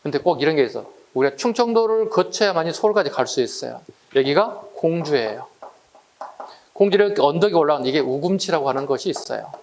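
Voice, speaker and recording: A male history lecturer talks his students through exam material in a chatty, conversational way. He keeps asking them rhetorical questions and checking that they follow. His voice sits a little higher than most men's. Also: lively intonation, fast talker, darkish tone.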